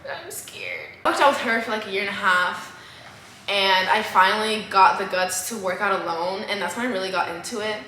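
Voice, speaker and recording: A woman in her thirties telling a relaxed story during a casual chat with friends. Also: medium pitch, fairly quick. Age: 30s. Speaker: guest friend. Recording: echoey room with background noise.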